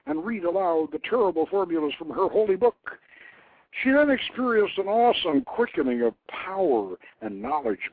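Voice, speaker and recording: An older man hosts a radio show, reading aloud and commenting informally like a deliberate storyteller. His mid-range voice comes through a narrow, phone-like line that is dry with no echo.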